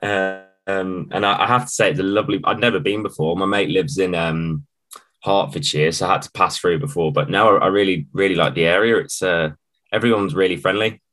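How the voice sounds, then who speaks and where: A man with a British accent, chatting casually as an interview guest in a halting, matey way. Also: low voice, fairly even intonation, a bit bright. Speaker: band musician, interview guest. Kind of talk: casual chat.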